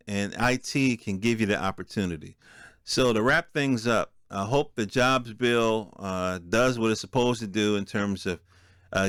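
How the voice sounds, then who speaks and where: He has a gravelly, mid-range voice with a bit of brightness, captured in a dry, clean studio recording. Hosting a solo podcast, he talks off the cuff, streetwise and colloquial, dropping profanity throughout a casual, unscripted monologue.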